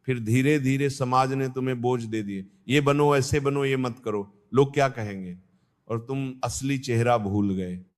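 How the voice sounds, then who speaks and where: A man giving a calm spiritual discourse, speaking directly to the listener in a measured way. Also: mid-range voice.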